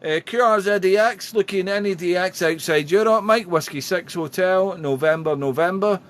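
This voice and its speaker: This ham radio operator's voice sits high and moves at a moderate pace as he makes friendly conversation and reads off call signs phonetically. The clip mixes contact calls with casual talk over clear radio noise in the background.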